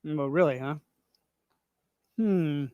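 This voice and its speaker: Man, chipmunk-like pitched-up voice, squeaky high, casual podcast banter, joking tone. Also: takes it slowly, mellow, clean tone, no echo, lo-fi sound. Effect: pitched-up chipmunk-like voice from a mixer glitch. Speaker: podcast co-host.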